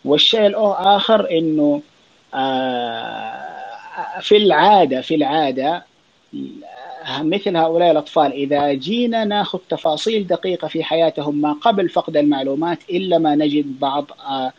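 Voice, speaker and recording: Fast-talking Saudi man explaining. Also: fairly high pitch, lively intonation, muffled recording. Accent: Saudi Arabic. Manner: explanatory, thinks aloud with fillers and quick restarts. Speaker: child and adolescent psychiatrist answering listener questions. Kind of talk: casual spoken Q&A on an online audio space.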